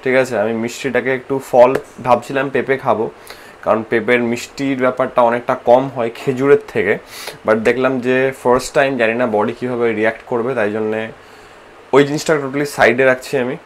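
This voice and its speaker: Bengali guy vlogging at home, slow soft talk, kinda tired, mid pitch, faint noise in the back. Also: steady tone. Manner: slow, soft-spoken, mixing English phrases into speech. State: tired and low on energy from fasting. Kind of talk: casual vlog narration. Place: home, indoors.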